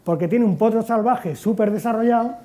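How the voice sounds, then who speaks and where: A man, giving a lively talk at an education conference. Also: sits high, fairly quick. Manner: lively storytelling, acts out quotes loudly. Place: conference hall.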